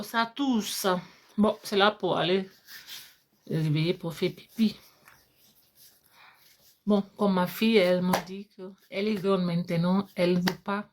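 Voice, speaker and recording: Slow-talking woman livestreaming from home. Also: mid-range voice, noisy background. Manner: switches between English and French, repeats words, laughs often. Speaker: livestream host. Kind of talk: casual livestream chat. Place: home, at night.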